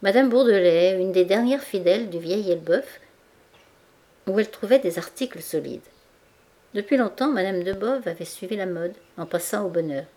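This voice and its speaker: A woman narrating a classic novel as an audiobook reader, in a measured, expressive reading. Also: medium pitch. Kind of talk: scripted narration.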